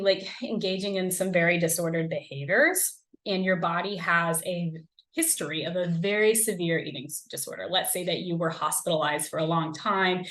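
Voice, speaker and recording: A young woman with a lowish, fairly bright voice hosts a solo podcast on a rough recording. Talking casually and conversationally as a recovery coach, she says "like" and "um" a lot.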